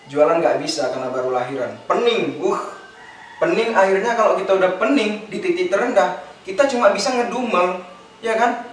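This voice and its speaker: A young man telling stand-up stories in an animated way, laughing at his own jokes. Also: high-pitched, a little hiss or hum. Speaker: stand-up comedian. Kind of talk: stand-up comedy storytelling. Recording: very echoey room, distant mic.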